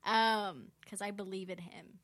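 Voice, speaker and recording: A woman's voice: mid-range voice, fairly even intonation, unhurried, fairly bright tone. A young woman who is a podcast guest, chatting casually and giggling, with a lot of fillers. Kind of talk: casual chat.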